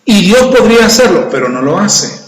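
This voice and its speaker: High-voiced preacher in an echoey hall. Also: male voice, normal speed. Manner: animated storytelling, acting out voices in quotes. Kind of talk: sermon. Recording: echoey hall with long reverb.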